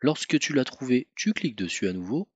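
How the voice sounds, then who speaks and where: A man narrating a step-by-step car tutorial, calm and methodical, speaking informally to the viewer. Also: medium pitch, fairly quick, breathy edge, no echo, lo-fi sound. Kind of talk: step-by-step instructional voice-over.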